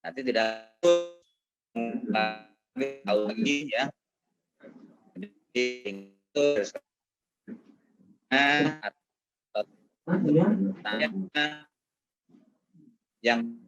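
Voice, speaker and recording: A man's voice: mid-range voice, expressive, drawn-out words, pauses often, a bit bright, faint music behind. A school official addressing pupils on a video call, hesitant with many filler sounds, his voice breaking up over a bad connection. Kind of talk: speech to pupils over an online class. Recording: dull lo-fi video call audio cutting out.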